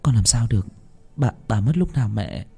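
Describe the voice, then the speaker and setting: A fiery, sharp-tongued young woman raises her pitch and stumbles over her words in a spoken ghost story, as a male reader puts her on. Her voice swings widely, heated and high. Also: animated, normal speed, gravelly, slightly rough, exaggerated voice. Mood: worried. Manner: high, agitated, stumbling with anger.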